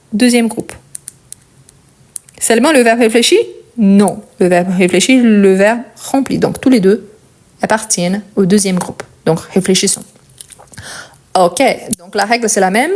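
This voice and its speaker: A woman with a medium-pitched, darkish voice and a Portuguese accent teaches a French conjugation lesson. She explains patiently step by step and checks in often with the learner.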